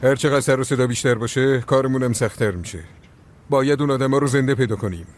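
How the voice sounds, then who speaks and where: An actor playing a calm, level-headed man who steadies his hot-tempered brother in a TV drama. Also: medium pitch, close to an everyday voice. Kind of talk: TV drama dubbed dialogue.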